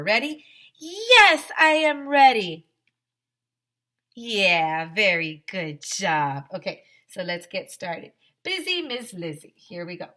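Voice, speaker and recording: In a fairly low, pushed, bright voice, a woman teacher reads a picture book to small children. The read-aloud is animated, with exaggerated emphasis, asides, and questions asked straight to the kids.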